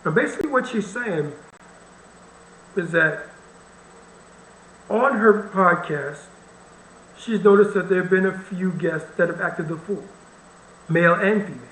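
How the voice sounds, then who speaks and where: A man's voice: sits high, measured pace, long pauses, fairly bright tone, reverberant, a little hiss or hum, rough recording. A man hosting a reaction video, commenting bluntly and with wry irritation on the clip he plays. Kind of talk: casual commentary over a played video.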